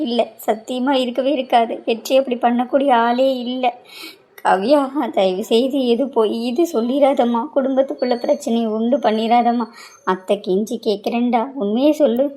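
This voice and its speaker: A middle-aged cartoon aunt, voiced by a woman, slightly high and earnest. She pleads for calm while stubbornly standing by her son, insistent and emotional. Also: moderate pace, natural voice. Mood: pleading.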